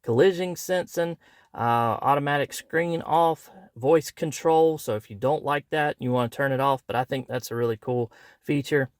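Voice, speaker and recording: Male product reviewer, mid-pitch, folksy and easygoing, dry close sound. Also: normal speed, dry recording. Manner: folksy, conversational, walks through steps. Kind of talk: casual product review demo.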